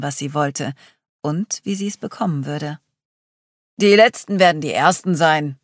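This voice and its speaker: A narrator reading a first-person story aloud in an even storytelling way. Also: medium pitch, no echo, clean studio sound.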